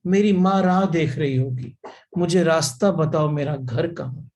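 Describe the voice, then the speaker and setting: A man's voice: a little high, unhurried, darkish tone, close to an everyday voice. Man voicing a drunk man begging to go home. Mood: pleading. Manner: pleading, repetitive cries.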